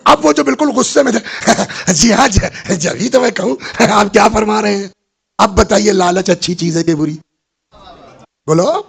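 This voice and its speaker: An older man giving a sermon, telling stories and putting questions to his listeners. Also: high-pitched. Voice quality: gravelly, husky voice. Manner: storytelling, asks the audience questions. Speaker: Islamic scholar giving a majlis lecture.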